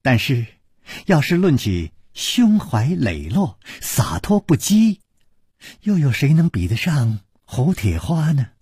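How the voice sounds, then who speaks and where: A man's voice: mid-range voice, huge pitch swings, slow, darkish tone, breathy edge, no room sound, clean studio sound, heavily acted. A man voicing a smiling, witty young lady. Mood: gracious.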